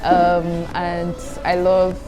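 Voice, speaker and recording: Very slow and monotone, a young adult Nigerian student vlogger with Igbo as her first language answers questions in a lowish voice. The recording is low quality, with background music under her speech. She still chats casually, calls viewers "guys" and giggles between answers.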